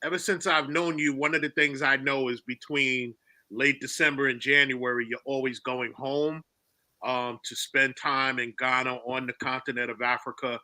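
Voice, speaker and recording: A man's voice: mid-range voice, level tone, normal speed, pushed and bright, no room sound. A man hosting a live-streamed interview, upbeat and encouraging toward his guests. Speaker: host.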